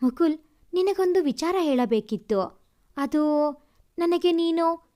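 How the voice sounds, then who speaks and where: A woman's voice: very high voice, animated, slow pace, dark tone, full character voice. A woman voicing a frank young woman who speaks firmly and directly. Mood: hesitant. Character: young woman, firm and frank about her feelings.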